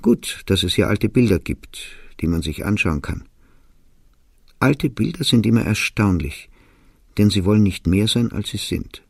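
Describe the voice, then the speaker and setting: A man voicing a grave, hesitant middle-aged father who speaks quietly and formally in a storybook reading. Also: lowish voice, animated, measured pace, creaky, dry recording, studio quality, full character voice. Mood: subdued.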